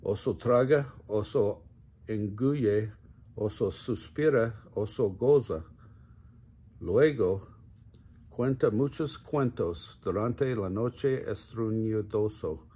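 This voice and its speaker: An older man, a grandfather, reading a children's picture book aloud slowly and gently, stumbling now and then and correcting himself. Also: on the low side, slightly rough. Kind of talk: children's story read-aloud.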